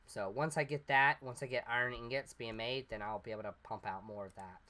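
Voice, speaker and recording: Fairly quick and sharp in tone, this medium-pitched man keeps a fairly even intonation while casually commentating his gameplay. As a let's play host, he rambles through each step with fillers, a little congested from a sickness he's getting over.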